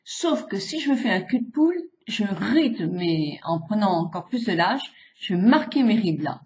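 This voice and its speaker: A woman's voice: mid-range voice, sing-song, a little mellow. Older woman coaching face exercises, roomy sound. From France. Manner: chatty, demonstrative, drawn-out vowel sounds. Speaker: beautician. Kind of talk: casual face-exercise tutorial. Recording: roomy, slightly dull home video.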